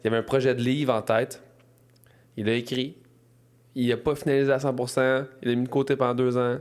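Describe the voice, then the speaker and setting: A man with a Quebec French accent hosts a casual podcast interview at a mid pitch. He talks quickly and loosely, and he jokes as he works through his set questions. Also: little pitch movement. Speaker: podcast host.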